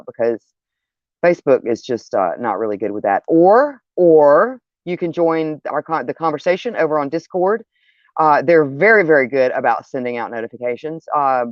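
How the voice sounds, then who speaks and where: A woman's voice: low-pitched, no echo. Chatty woman horror host, dry muffled sound. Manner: chatty, informal, loosely rambling. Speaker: host of a horror livestream show. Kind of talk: casual livestream chat to viewers, as horror host. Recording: dull, dry lo-fi stream audio.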